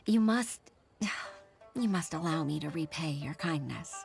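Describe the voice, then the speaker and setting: An earnest official in a game, formal and grateful in her manner. Her voice sits somewhat low, and clear music plays behind her. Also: animated, measured pace, darkish tone, full character voice.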